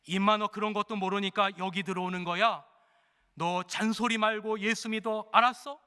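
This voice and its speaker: Gruff prisoner guy scolding inmates, pastor acting it out, high and sharp, big hall echo. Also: moderate pace. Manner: rough, scolding, bossy. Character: gruff male death-row prisoner preaching to inmates.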